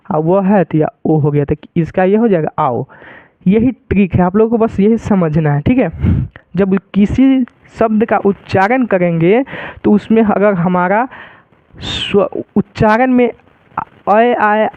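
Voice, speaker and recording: A man with a fairly high, clear voice teaches a grammar lesson at an unhurried pace, going over every example again and asking his students questions. The sound is tinny like a phone line and dry, with no room echo. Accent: Hindi. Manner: explains slowly, repeating each example with questions.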